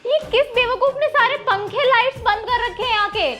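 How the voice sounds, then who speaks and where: A woman's voice: very high-pitched, brisk, over loud music, pitched above the performer's own voice. A woman voicing a whiny, pampered young daughter who complains about the heat in a comedy sketch.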